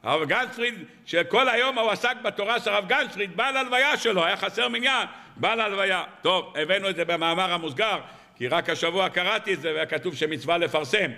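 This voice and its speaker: Rabbi, male, high bright voice, anecdote-driven weekly sermon with rhetorical questions, long hall reverb. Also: lively intonation. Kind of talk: storytelling sermon on the weekly Torah portion. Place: evening lecture hall.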